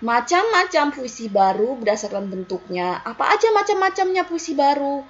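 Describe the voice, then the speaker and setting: A woman's voice: high voice, moderate pace, lo-fi sound. A woman teaching a school language lesson, explaining to her students and asking them questions as she goes. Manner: lively, with rising questions and repeated "ya".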